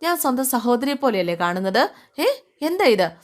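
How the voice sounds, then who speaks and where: A woman voicing a scheming young man who talks quickly and sounds indignant, in a retelling of a TV serial. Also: on the high side, sing-song, voice pushed up.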